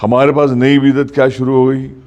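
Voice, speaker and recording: A man teaching a mosque class on Quran recitation. He explains the rules patiently, checks that students follow, and recites verses slowly as examples. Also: mid-range voice, completely flat delivery, darkish tone, dull audio. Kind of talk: classroom lesson.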